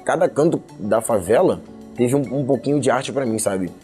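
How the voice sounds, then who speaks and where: A young adult hip hop musician from Rio de Janeiro, of Angolan family, tells personal stories in an interview with a Carioca Brazilian accent. He speaks casually, colloquially and with slang, his mid-range voice animated and dark-toned at normal speed, with faint music behind him.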